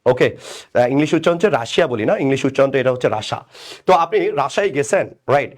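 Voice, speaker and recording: A man's voice: medium pitch, fast. A man with a Bangladeshi Bengali accent teaching a live online English grammar class, asking and answering his own questions and teasing commenters by name. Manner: conversational, asks and answers his own questions, repeats "right?".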